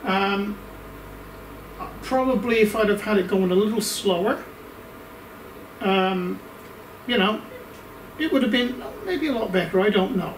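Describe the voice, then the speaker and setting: A man's voice: high voice, measured pace, long pauses, a little hiss or hum. Rambling Australian man in a roomy workshop. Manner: rambling, hesitant, many fillers and restarts. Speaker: workshop YouTuber. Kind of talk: casual product review. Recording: roomy workshop, mic at a distance.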